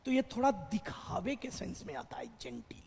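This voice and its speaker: A man teaching vocabulary in a classroom, explaining slowly and answering his own questions. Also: high voice, sing-song, vocal fry, darkish tone, breathy edge, big-room sound.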